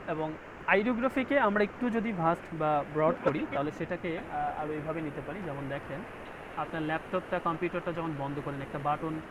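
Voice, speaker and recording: A man's voice: on the high side, background noise. A man teaching a graphic design class online, explaining step by step and often checking that his students follow. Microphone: video call.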